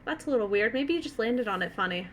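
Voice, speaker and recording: A woman running a tabletop game, narrating off the cuff in a casual, sweary way with dramatic pauses. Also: fairly high pitch, lively intonation, a little hiss or hum. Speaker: game master.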